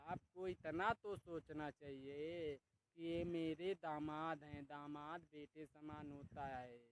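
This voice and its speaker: A man's voice: fairly high pitch, rough recording. A man voicing a complaining young son-in-law in a comic cartoon, indignant and aggrieved.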